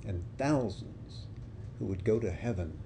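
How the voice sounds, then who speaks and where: A man voicing a humble, devoted young male disciple who speaks earnestly and slowly in a low, gravelly voice. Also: expressive, slight background noise. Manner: earnest, pleading.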